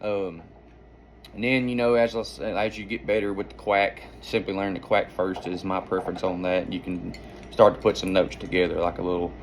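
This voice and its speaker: A man's voice: low-pitched, flat delivery, moderate pace, slight background noise. A man giving an informal hands-on lesson as a hunting instructor, explaining in a folksy, rambling way. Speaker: duck-calling instructor and hunter.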